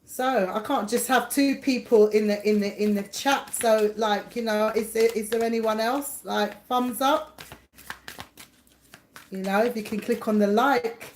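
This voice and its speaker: A woman's voice: fairly high pitch, fairly even intonation, a little slow, slight background noise. A middle-aged woman, hosting a casual live chat from home, chatty and rambling, laughing often and greeting viewers by name. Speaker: livestream host and psychic reader. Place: home, indoors.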